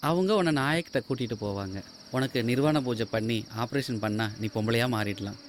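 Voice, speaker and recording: An actor playing a worldly elder of a transgender group who banters, coaxes and reassures, in a film drama. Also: male voice, mid-range voice, brisk, background noise, lightly acted. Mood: reassuring. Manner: bantering and coaxing, then softly reassuring. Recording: film soundtrack with loud music.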